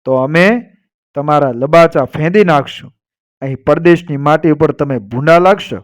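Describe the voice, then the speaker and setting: Rude, quarrelsome village archers with a rough, taunting manner, as a male narrator puts them on. They bark their demands in a fairly high voice. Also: normal speed, close to an everyday voice. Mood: demanding, rough.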